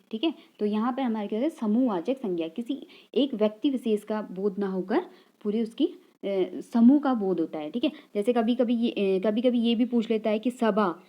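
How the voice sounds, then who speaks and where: A woman's voice: on the high side, dull audio. A woman teaching an exam-prep grammar lesson, repeating key terms and asking rhetorical questions with frequent "okay" check-ins. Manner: repeats and asks rhetorical questions, "ठीक है" tags.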